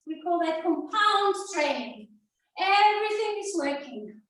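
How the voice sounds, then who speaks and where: A woman's voice: extremely high pitch, big pitch swings, measured pace, fairly bright tone. A woman leading an online yoga workout, counting reps and calling cues while she exercises, a little out of breath. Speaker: yoga teacher. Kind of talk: live online workout class instruction. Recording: roomy, distant sound.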